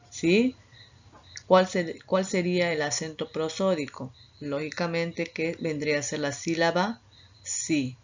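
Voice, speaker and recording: A woman with a Peruvian Spanish accent, giving a deliberate online grammar lesson over slides, pausing on fillers as she explains. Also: deep voice, highs cut off, a little hiss or hum. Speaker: teacher. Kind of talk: slow online lecture with slides.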